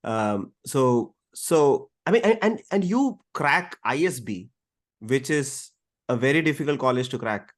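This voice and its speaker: A man's voice: mid-range voice, animated, unhurried. Curious man asking questions. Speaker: podcast host. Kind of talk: casual interview chat.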